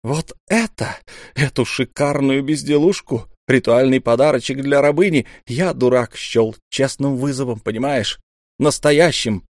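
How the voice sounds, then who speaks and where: A man's voice: medium pitch, measured pace, no room sound, clean studio sound, voice pushed up, natural voice. A man voicing a proud, desperate young noble duelist, pleading in heated, raised outbursts. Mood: indignant.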